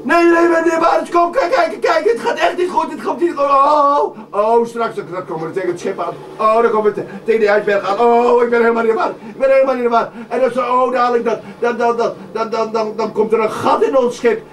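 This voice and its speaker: A man voicing a panicky young male sailor and prankster who stammers and shouts frantically in a live puppet show. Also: extremely high pitch, expressive, slow, pauses often, heavily acted. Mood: panicked. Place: museum room. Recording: echoey room, distant mic, noisy.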